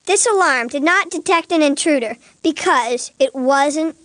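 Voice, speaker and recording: Here a woman plays the same kind of role: an earnest boy working as a lawyer's assistant in an animated, educational courtroom scene, firing off eager, methodical questions. She sounds high, a bit bright and unhurried, and the recording has no echo.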